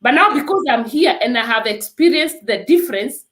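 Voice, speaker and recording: A Kenyan woman with a Kenyan accent, a nurse appearing as an interview guest, gives emphatic, earnest testimony and urges her listener with repeated "let me tell you"s. Her voice sits high, fairly bright and animated, at a moderate pace, and it sounds reverberant.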